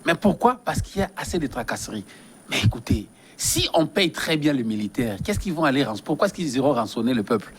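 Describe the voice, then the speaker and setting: A man's voice: medium pitch, very animated, brisk, background noise. A man from DR Congo, a guest giving earnest, emphatic political commentary in a studio interview and often repeating his phrases.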